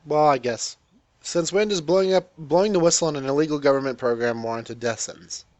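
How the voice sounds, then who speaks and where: A man's voice: fairly high pitch, fast talker, darkish tone, no room sound. A man hosting a let's play, giving casual gameplay commentary in a joking, rambling, irreverent way.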